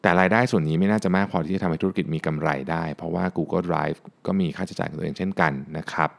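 A middle-aged man hosting a casual question-and-answer show, thinking aloud with many fillers and repeated words. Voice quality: low gravelly voice. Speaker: host answering listener questions. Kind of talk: casual solo Q&A podcast.

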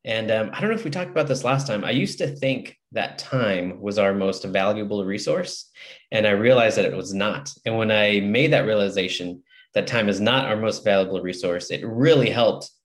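A man's voice: fairly low pitch, animated, normal speed. A man talking casually as an author guest on a podcast, in an earnest, motivational way. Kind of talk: casual interview chat.

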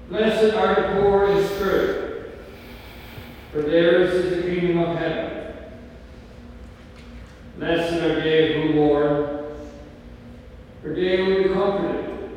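A man reading the gospel aloud at a church service in a measured, solemn way, with a cathedral echo. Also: high voice, a little mellow, slight background noise. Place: large church. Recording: roomy church reverb from far off.

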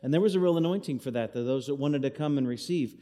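In a church hall at an evening service, an associate pastor preaches in a fast, mid-range, dark-toned voice. He has the congregation repeat after him in call-and-response, and the echoey room gives everything a cave-like reverb.

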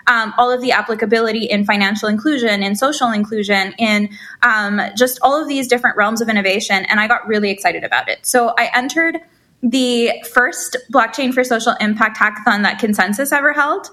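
A woman from Honduras, a co-founder guest telling her background in an energetic, casual interview. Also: a little high, brisk.

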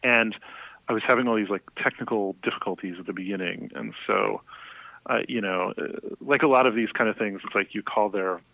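A man's voice: fairly low pitch, brisk, vocal fry, dry recording. A man, a music journalist, telling interview stories in casual, rambling chat full of fillers. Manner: rambling, many fillers, laughs often. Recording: tinny phone-like line, dry.

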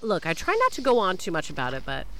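A woman's voice: fairly low pitch, wildly swooping pitch, fast talker, bright, forceful tone, low-quality recording. A woman co-hosting a podcast in casual chat, telling stories in a dramatic, self-mocking way. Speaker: podcast co-host.

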